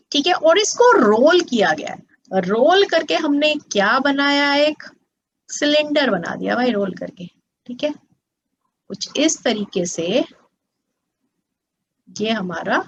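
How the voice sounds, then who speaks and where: A woman teaching maths to students as a tutor, patient and coaxing, often checking that they follow. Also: on the high side. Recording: slightly dull lo-fi sound.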